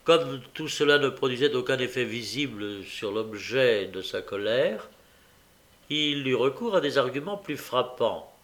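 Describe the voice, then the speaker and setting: Man, audiobook narrator, classic novel, expressive reading, mid-range voice, small hesitations. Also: mid-range voice, measured pace. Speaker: audiobook reader. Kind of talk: scripted narration.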